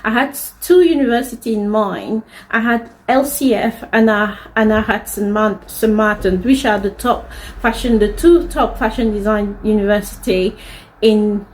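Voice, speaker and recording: A woman's voice: mid-range voice, moderate pace, rough recording. A woman in her thirties from DR Congo, a native French speaker, earnestly and candidly telling her personal story to the camera. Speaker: fashion designer telling her life story.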